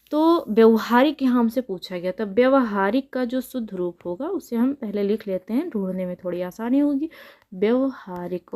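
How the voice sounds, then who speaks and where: A woman's voice: medium pitch, dark tone. A young woman teaching a spelling lesson for exam preparation, patiently repeating each answer and asking it back to the viewer. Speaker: Hindi exam tutor. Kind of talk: spelling lesson explained while writing.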